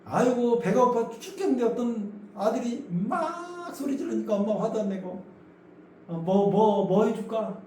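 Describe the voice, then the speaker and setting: In a church sanctuary, a man preaches a sermon in a high, slightly slow voice, bringing the story to life with acted-out voices and questions to the congregation. The recording is distant and echoey, with faint background noise.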